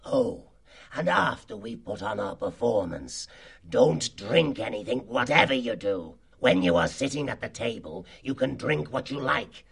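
Man as Slagar, a gravelly, cruel fox. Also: mid-range voice, sing-song, a little slow, full character voice. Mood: commanding. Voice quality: gravelly, husky. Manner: sarcastic, menacing, boastful. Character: cruel, cunning male fox slave-gang chief. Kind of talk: dramatised audiobook character acting.

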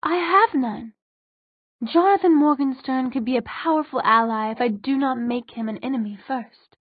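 Here a woman narrator plays an ageless, cunning fairy queen full of haughtiness, speaking in formal, imperious phrases like a storybook ruler disdainful of her listeners. Her voice is fairly high, close and dry. The sound is phone-quality, with no echo.

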